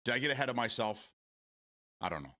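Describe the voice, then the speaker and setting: Rambling man in his forties, lively pitch. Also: fast. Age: 40s. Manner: rambling, repeats words, swears casually. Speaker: streamer hosting a morning show. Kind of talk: casual chat reading viewer comments.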